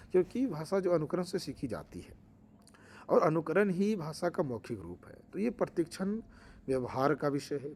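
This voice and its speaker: Male teacher, somewhat high pitch, explanatory lecture tone, faint background noise. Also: darkish tone. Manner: explanatory, with fillers and restarts. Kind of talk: exam-prep lecture.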